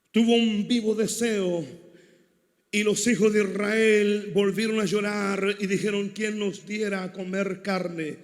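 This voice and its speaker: A Chilean man preaches a sermon in a very high voice, shouting hard and then dropping to near murmurs. His voice rings out with long reverb in a large church hall. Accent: Chilean Spanish. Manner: shouting, preaching with sudden swings from loud to hushed. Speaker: pastor.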